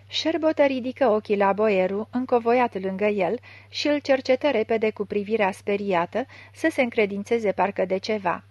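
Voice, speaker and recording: A woman narrating a literary audiobook with a measured, expressive reading. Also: mid-range voice, no echo. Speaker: audiobook reader.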